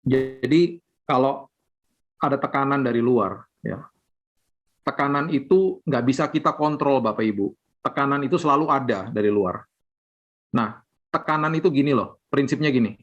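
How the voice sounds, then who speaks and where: A man pastor preaching casually over a video call, rising in pitch when he acts out people's complaints. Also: moderate pace, pauses often. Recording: dull lo-fi video call audio.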